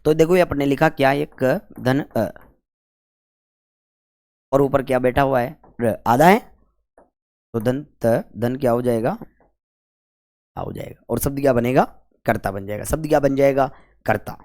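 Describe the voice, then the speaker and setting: A man's voice: mid-range voice, a little slow, long pauses, a little mellow. Male tutor, whiteboard lesson, repeats each question and answer. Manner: repetitive call-and-response questioning, colloquial 'apan'. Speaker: Hindi grammar teacher.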